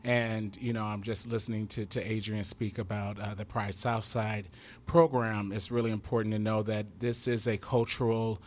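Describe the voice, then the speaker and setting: A man representing a museum, speaking earnestly and in a measured way as a podcast interview guest. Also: lowish voice.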